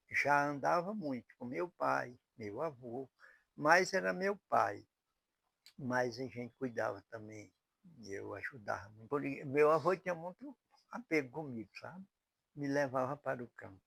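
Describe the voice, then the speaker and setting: An elderly man in his eighties with a Northeastern Brazilian accent from Piauí. His voice is heavily gravelly, and he speaks very slowly and unhurriedly. The sound is dry and close. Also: a little high, a bit bright, dry recording, low-quality recording. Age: 80s. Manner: unhurried, with restarts and rural turns of phrase. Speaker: cowboy telling his life story. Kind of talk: slow spoken self-portrait.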